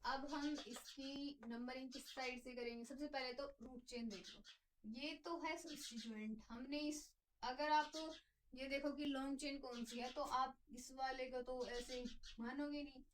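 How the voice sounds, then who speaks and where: High-voiced woman teacher, distant mic. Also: steady tone, measured pace, slight background noise. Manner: step-by-step explaining, asks and answers own questions. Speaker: chemistry teacher. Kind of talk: classroom lecture.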